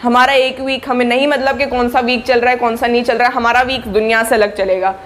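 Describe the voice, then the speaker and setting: A young woman who makes study-tips YouTube videos for board exam students coaches casually to camera. Her fairly high, bright voice moves fairly quickly with fairly even intonation, and she's chatty and encouraging, checking in with the listener often.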